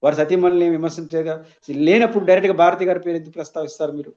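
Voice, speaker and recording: A man's voice: fairly high pitch, steady tone, very fast, a little mellow, lo-fi sound. A man, a political analyst, giving emphatic and argumentative commentary as a guest in an interview.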